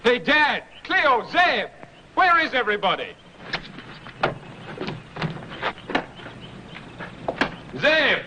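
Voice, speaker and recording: A young actor playing a breezy, teasing gentleman son who loves horses. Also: fairly high pitch, sing-song, moderate pace, noisy background.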